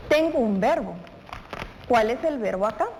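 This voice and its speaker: Animated and a little high, with a darkish tone and moderate pace, a woman teaches children grammar on television. As a primary school teacher, she talks straight to the pupil, asking questions and answering them herself, in a reverberant room with faint noise.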